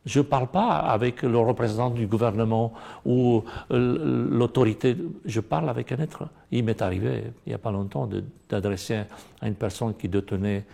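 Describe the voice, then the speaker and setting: A man's voice: medium pitch, steady tone, moderate pace, gravelly, warm tone. A middle-aged man with a Romanian accent, earnestly discussing a Bible lesson and pressing hard on key points. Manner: earnest, rising to emphatic stress. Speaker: panelist in a Bible study discussion.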